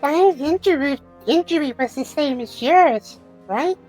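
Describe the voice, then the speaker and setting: A woman's voice: high-pitched, unhurried, darkish tone, soft background music. A woman voicing a spirited, playful young woman from a fantasy game, reading dialogue in an exclamatory way. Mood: concerned. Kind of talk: amateur read-aloud of game dialogue.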